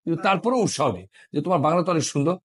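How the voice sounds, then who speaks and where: Male teacher, middle-aged, from Bangladesh, husky voice, lively intonation, drilling pronunciation in class. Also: a little high, very fast. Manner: corrects and drills pronunciation patiently. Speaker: French teacher. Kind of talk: classroom lesson.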